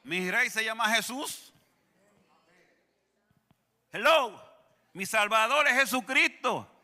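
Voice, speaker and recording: A high-voiced male pastor speaks slowly and expressively, bright and forceful, while joking and calling out to his congregation in a church sanctuary. His words trail off into a long reverb tail.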